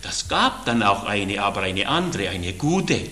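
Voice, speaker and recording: A man preaching a sermon as an evangelist, telling anecdotes and swinging from quiet asides to loud, fervent exclamations. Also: lowish voice, very animated, a little slow. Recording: echoey hall.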